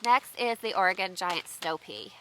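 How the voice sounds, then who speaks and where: Speaking at a moderate pace in a lowish yet bright, forward voice, a homestead vlogger from the United States does a casual unboxing chat outdoors under shifting trees. Allergies make her a little stuffy and nasal, and she keeps asking viewers for tips. A faint hiss runs under the low-quality recording.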